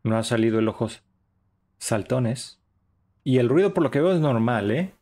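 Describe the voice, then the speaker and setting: Warm in tone and lively in intonation, this young man's medium-pitched voice moves at normal speed. He keeps up a chatty, upbeat running commentary while live-streaming a horror game.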